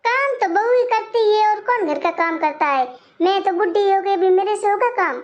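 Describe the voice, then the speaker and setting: A performer playing a soft-hearted elderly mother who gently placates her family in a comic skit. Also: very high-pitched, animated, moderate pace, lo-fi sound. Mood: placating. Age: older.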